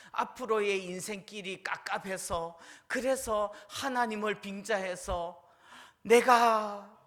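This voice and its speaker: A man's voice: fairly high pitch, fairly bright tone. A male pastor preaching a sermon in a church, asking the congregation questions and acting out prayers with rising force. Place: church sanctuary.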